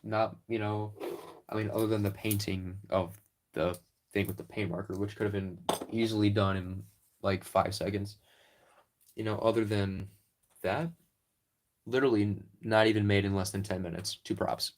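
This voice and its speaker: Man, low voice, casual livestream chat, rambling, close mic, faint clicking. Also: normal speed, a little hiss or hum. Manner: relaxed, rambling, talks while eating. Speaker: streamer making props.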